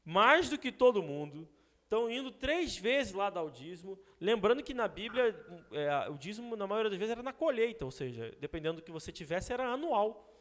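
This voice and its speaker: A Brazilian man with a Brazilian Portuguese accent, teaching a Bible study in a relaxed, conversational way, often adding "né?" to check that his listeners follow. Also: high-pitched, a little fast, in a large hall. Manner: conversational, frequent rhetorical "né?" asides. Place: church hall.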